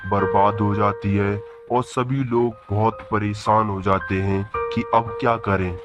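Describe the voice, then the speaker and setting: A man narrating a cartoon story in a plain, steady storytelling manner. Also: on the low side, measured pace, highs cut off, music in the background.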